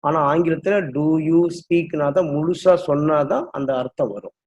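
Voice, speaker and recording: A man's voice: on the high side, a little slow, a little mellow. A man teaching English grammar, explaining patiently and drilling sentence patterns one by one. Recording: dull lo-fi recording.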